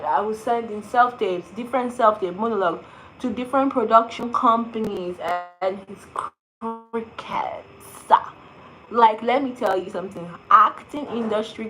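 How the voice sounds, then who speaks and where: A young actress answers questions in a casual vlog. Her voice sits at an ordinary middle pitch, and she talks in a chatty, animated way full of fillers. A faint hiss runs under the recording. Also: rough recording.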